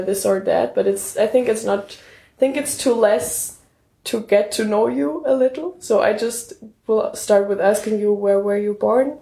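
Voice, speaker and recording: Podcast host, woman, German accent, gravelly dark voice, friendly, laughs a lot. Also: mid-range voice, roomy sound. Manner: friendly, laughs often, halting non-native English. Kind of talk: casual interview. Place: indoors at a table.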